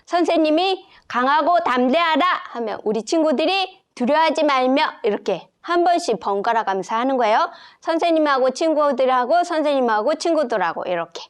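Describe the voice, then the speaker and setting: A woman teaching a children's Sunday school lesson, leading slow, clear, sing-song recitations. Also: sits high, animated. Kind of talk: children's Bible memory lesson.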